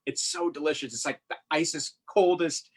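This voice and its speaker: A slightly high male voice at normal speed belongs to a guest illustrator giving a casual drawing demo. He is upbeat and informal, voicing his thoughts as he works, and the audio is echoey and distant from the mic.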